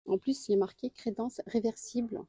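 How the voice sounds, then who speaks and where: A woman, a deal-hunting vlogger, walks through a store aisle and lists prices and sizes. She speaks in a chatty way and pauses often. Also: on the high side, fairly even intonation, mellow, husky, no room sound. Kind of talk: casual store walkthrough. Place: home improvement store aisle.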